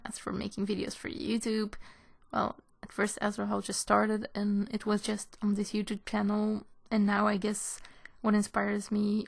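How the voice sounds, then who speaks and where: A Belgian woman answers viewer questions in a casual, slightly hesitant manner, recording a homemade video in a room at home. Her medium-pitched voice has a noticeable creak.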